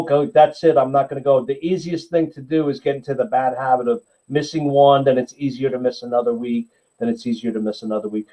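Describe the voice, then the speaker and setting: A man's voice: medium pitch, dark tone, rough recording. A man hosting a live running club show, encouraging his runners in a rambling, casual way with lots of fillers. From USA.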